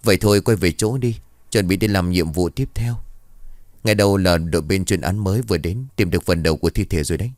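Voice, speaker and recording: A man voicing a young policeman comrade who talks in a hurried, urging way. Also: sits low, a little mellow, no room sound, clean studio sound, lightly acted.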